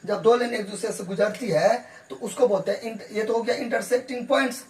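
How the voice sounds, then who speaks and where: A man's voice: high-pitched, a little fast. A male math teacher talks through a geometry lesson, asking rhetorical questions and answering them himself. He keeps checking in with "okay" and slips English terms into his explanation. He is heard from a distance in a reverberant room. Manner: repetitive, asks rhetorical questions and answers them, frequent "theek hai".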